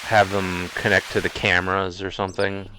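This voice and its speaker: A man's voice: sits low, level tone, moderate pace, noisy background. A man streaming a game live, chatting casually in an easygoing, rambling way and chuckling often.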